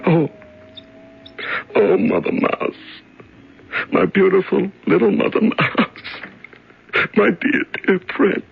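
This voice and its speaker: A man's voice: very deep voice, very animated, gravelly, slightly rough, soft background music, full character voice. An actor in a 1970s radio drama, playing a man shaken and stammering after weeks locked alone in darkness. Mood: tearful wonder. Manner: halting, stammering, tender then trembling. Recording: dull old radio broadcast.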